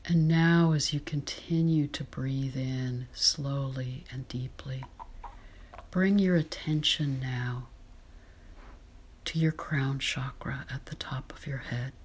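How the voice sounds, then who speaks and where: A woman leading a guided meditation in a soft, breathy whisper, slow and soothing. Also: a bass voice, a little hiss or hum.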